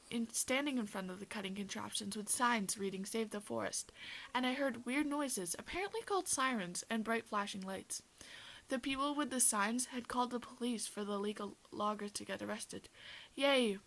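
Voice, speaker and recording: A woman's voice: fairly high pitch, a bit bright. A woman voicing a chatty hybrid caribou-camel-fish creature who tells her own story straight to the listener, like storybook narration. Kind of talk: first-person storybook narration.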